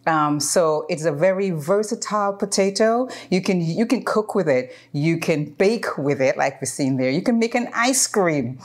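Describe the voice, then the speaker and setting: A woman's voice: lowish voice, animated, moderate pace, hardly any pauses. A woman in her fifties hosting a casual home cooking video, chatting and explaining as she works, with frequent ums, recorded in her home kitchen. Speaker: cooking channel host.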